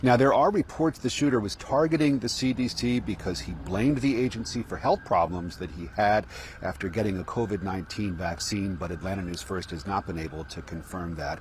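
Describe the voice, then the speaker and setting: Guy doing live tv news from outside, lowish voice, halting, some traffic noise behind. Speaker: field news reporter. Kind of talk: live news reporting, ad-libbed. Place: outdoors at the scene. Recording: outdoor street and traffic noise.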